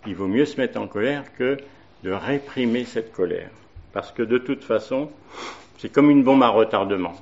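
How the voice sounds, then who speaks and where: A man's voice: mid-range voice, normal speed, darkish tone, lo-fi sound. A man preaching a sermon, hesitating often with fillers and reading Bible verses aloud.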